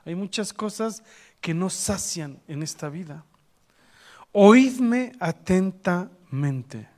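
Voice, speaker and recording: A man preaching a sermon as pastor, lively and joking, asking the congregation questions. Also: high voice, unhurried.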